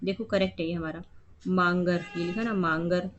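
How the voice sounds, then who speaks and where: A woman's voice: lowish voice, steady tone, moderate pace, muffled recording. A female teacher explaining a reading comprehension passage step by step, mixing Hindi and English. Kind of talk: exam-prep lesson.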